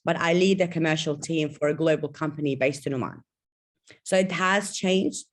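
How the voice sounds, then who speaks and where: A woman's voice: sits low, moderate pace. A woman in her thirties, originally from Iraq, speaking emphatically and confidently on an online video call panel. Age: 30s. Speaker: guest participant.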